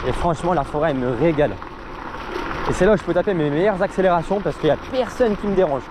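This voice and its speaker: A young man talks in a slightly high voice, casual and full of slang. He sounds enthusiastic as he narrates his ride outdoors, with clear vehicle and street noise around him. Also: quick pace. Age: young adult. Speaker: vlogger on an electric scooter. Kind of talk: casual ride-along vlog chat. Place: outdoors, riding through streets and forest.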